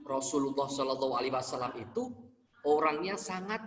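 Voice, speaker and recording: A male religion teacher telling a story to young children on a video call, slow and repetitive, drawing out his words. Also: mid-range voice, animated, reverberant, in a large hall, rough recording. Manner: slow, warmly drawn-out, repeats words for small kids.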